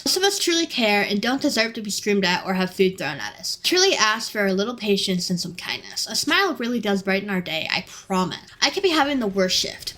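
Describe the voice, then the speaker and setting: Bright-voiced woman ranting sarcastically. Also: medium pitch. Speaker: fast food worker and vlogger. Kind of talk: ranting storytime vlog.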